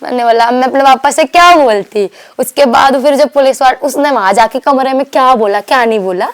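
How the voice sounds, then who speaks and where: A young woman from Delhi, telling her story to an interviewer in a rambling, animated way, acting out what others said and restarting her sentences. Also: sits high, fairly quick. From Delhi, India. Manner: rambling, animated retelling with quoted dialogue and restarts. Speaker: guest.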